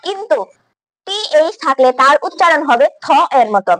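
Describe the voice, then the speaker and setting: Woman, Bangladeshi accent, student, recites rules from memory, high voice, dry close sound. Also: animated, normal speed, a bit bright, no echo. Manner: recites the rules like a prepared piece. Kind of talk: presenting a class exercise.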